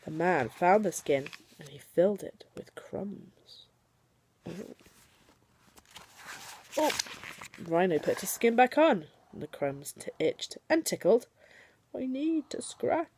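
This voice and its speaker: Lively young mother reading aloud. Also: on the low side, takes it slowly, long pauses, slight background noise. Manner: animated storytelling voice, coaxing and gentle with her child. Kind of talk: reading picture books aloud to her young daughter.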